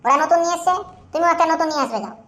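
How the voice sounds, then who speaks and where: Woman voicing a nagging cartoon housewife, high-pitched, quick temper, scolding tone. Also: fairly bright tone. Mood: complaining. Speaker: wife character. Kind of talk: cartoon voice acting.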